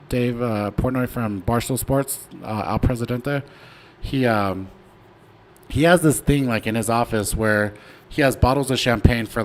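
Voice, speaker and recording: A young man hosting a casual trading livestream, talking loosely with lots of fillers and slang. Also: medium pitch. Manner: laid-back, rambling, slangy with many fillers. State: hiccuping. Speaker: stock trading stream host. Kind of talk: casual livestream chart talk.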